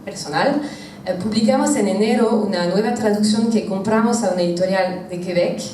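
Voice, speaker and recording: A woman with a French accent speaking halting non-native Spanish, searching for words as she makes remarks in a panel discussion. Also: mid-range voice, mellow. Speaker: publishing house editor. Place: echoey room at a public talk. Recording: roomy, distant mic, faint noise.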